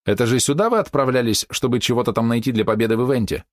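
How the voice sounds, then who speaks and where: A man's voice: mid-range voice, racing, no echo, studio quality, voice pushed up, natural voice. A man voicing a playful, flirty female fox companion in an audiobook, with a cheerful, teasing manner. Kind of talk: audiobook character reading.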